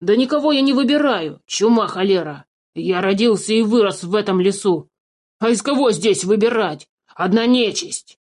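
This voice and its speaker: A woman voicing a greedy, fussy old male dwarf in a storybook reading, excitable and quick to curse. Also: on the low side, natural voice. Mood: indignant. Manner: fussy, excitable, keeps cursing.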